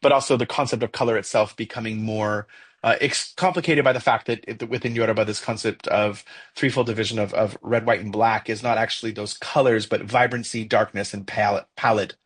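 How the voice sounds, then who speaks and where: A young man with a Mexican accent co-hosts a casual podcast discussion, thinking aloud haltingly with many fillers and restarts. His voice is on the low side, slightly rough and fairly bright, with fairly even intonation.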